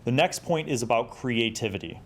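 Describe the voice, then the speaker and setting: A man in his forties with a medium-pitched voice speaks briskly, with lively intonation, offering conversational advice. He hosts a tabletop roleplaying review show, discussing magazine articles, reading excerpts, and giving tips.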